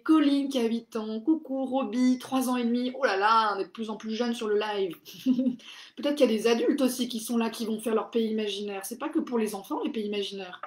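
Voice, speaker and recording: A woman's voice: on the high side, darkish tone, echoey room. A woman hosting a live craft workshop for children, cheerfully greeting viewers by name and reading their comments aloud.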